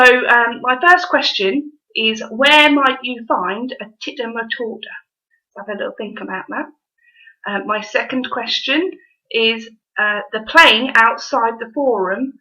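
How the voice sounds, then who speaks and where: Bright-voiced Norfolk woman presenting. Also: on the high side. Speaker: dialect society presenter and quiz host. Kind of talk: informal presentation with quiz questions. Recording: dull, lo-fi audio.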